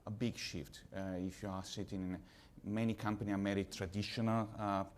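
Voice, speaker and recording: A man from Italy with an Italian accent, speaking on a conference panel as a pharma executive, measured and slightly halting in English. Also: fairly low pitch, level tone.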